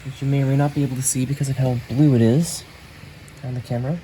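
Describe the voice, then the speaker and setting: Storm ambience fills this noisy amateur clip of a video creator reviewing weather radios. His warm, mid-range voice barely shifts in pitch and moves quickly as he, a keen radio hobbyist, rambles casually to camera and chats with friends.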